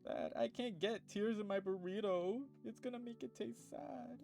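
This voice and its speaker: Man putting on a whiny high teen girl. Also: normal speed, gravelly, warm tone, faint music behind. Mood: teary. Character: teenage girl, emotional, dramatic, teasing.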